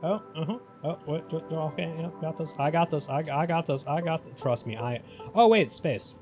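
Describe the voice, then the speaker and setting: A man giving excitable let's play commentary, swearing and laughing often as he plays. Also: on the high side, a little fast, music in the background. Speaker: gaming YouTuber.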